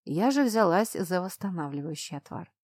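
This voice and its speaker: A woman narrating a first-person fantasy audiobook with brisk, expressive storytelling. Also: lowish voice, no room sound, studio quality.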